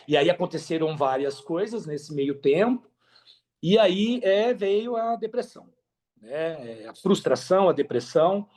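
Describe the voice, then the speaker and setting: A Brazilian man, guesting on a podcast, tells his story in a frank, conversational way. His voice sits a little high with a darkish tone, and he's talkative, sprinkling in slang and plenty of tag questions.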